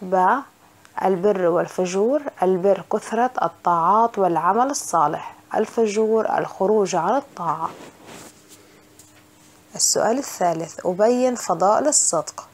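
A woman teacher reads through a school lesson, stating each definition and answer plainly. Her pitch sits in the middle of the usual range, and her delivery is steady and explanatory. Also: normal speed. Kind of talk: reading a religion lesson aloud.

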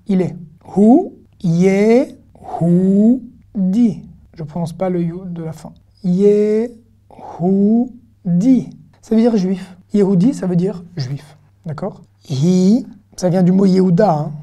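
Woman teaching hebrew online, very dark mellow voice, chatty, says each syllable slow and clear. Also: medium pitch. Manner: patient, chatty, repeats syllables slowly and clearly. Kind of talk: online language lesson.

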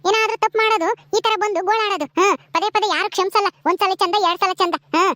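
A woman's voice: extremely high pitch, steady tone, quick pace, a bit bright, no room sound. A woman voicing a stern elder sister-in-law in a village skit, reproachful and lecturing.

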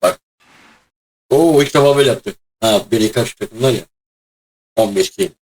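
A man hosting a gaming video, chatting excitedly and shouting at times as he plays a mobile battle game. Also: medium pitch, moderate pace. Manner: loud, excitable, shouts during play.

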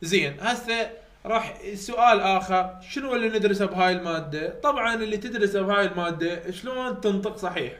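A man's voice: high voice, quick pace, fairly bright tone. A man with an Iraqi Arabic accent giving a chatty live online lecture, repeating key points and speaking straight to his students. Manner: repetitive, chatty teaching, addresses students directly. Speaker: English phonetics tutor.

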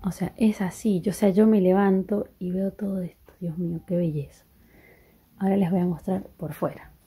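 A woman's voice: on the low side, fairly even intonation, normal speed, warm tone, breathy edge. Sick young woman half-whispering. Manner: chatty, often half-whispering, sweet-talks dogs. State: ill, voice low and weak. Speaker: vlogger. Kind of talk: casual vlog narration. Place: rural house, partly outdoors.

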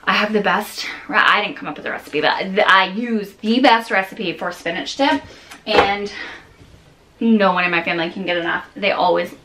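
Recorded at close range by a camera on a kitchen counter, a woman in her thirties rambles through a grocery haul vlog, restarting often, full of fillers, and sounding tired. Her medium-pitched voice is pushed and bright at normal speed, with a slight hiss or hum.

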